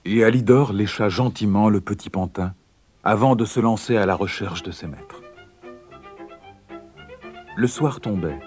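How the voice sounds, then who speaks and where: A man reading a children's fairy tale aloud in an expressive, dramatic way. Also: on the low side. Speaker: narrator. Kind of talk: storybook narration.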